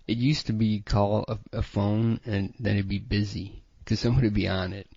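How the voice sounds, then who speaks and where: A man's voice: on the low side, little pitch movement, normal speed, mellow, breathy edge, no echo. A man co-hosting a casual comedy talk show, swearing freely and laughing often. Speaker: podcast co-host. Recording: dull lo-fi recording.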